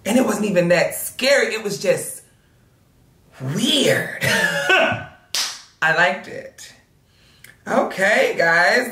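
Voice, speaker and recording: A young man hosting a movie reaction video, loud and dramatic, swearing and shrieking at the screen. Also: sits high, roomy sound, recorded from a distance.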